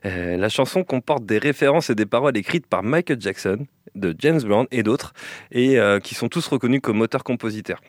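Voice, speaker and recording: A man's voice: mid-range voice, lively intonation, moderate pace, dry recording, clean studio sound. A man co-hosting a radio show, presenting a track's background with many hesitations and fillers. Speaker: radio co-host.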